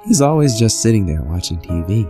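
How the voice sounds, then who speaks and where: A man's voice: lowish voice, big pitch swings, a little fast. A man reading creepy first-person stories from a script in a conversational storytelling manner. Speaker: horror story narrator. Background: music bed.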